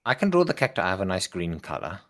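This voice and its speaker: A man's voice: low-pitched, big pitch swings, fast, fairly bright tone. A man playing along in a casual streamed tabletop game, laid-back and agreeable, stammering at times. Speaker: game player.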